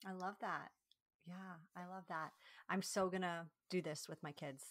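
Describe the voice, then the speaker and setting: Bright, enthusiastic woman podcast host. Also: fairly low pitch, fairly even intonation, moderate pace, no room sound, clean studio sound. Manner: enthusiastic, affirming interviewer. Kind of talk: casual interview chat.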